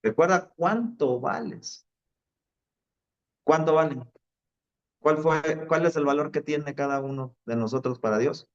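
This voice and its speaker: A man's voice: fairly high pitch, little pitch movement, normal speed, highs cut off. A man preaching a sermon, telling stories in a conversational way and dropping fillers. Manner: conversational storytelling with fillers like "este".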